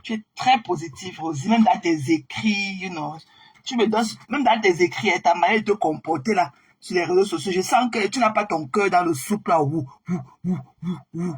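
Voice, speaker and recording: A woman hosting a casual live stream, chatting warmly with viewers and greeting them by name, often repeating herself. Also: fairly low pitch, normal speed, husky. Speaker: livestream host.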